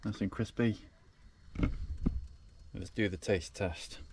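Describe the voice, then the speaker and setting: A man's voice: on the low side, steady tone, slow, creaky, noisy background. A man chatting casually to camera from inside a small parked van, rambling with lots of ums. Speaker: van-life vlogger.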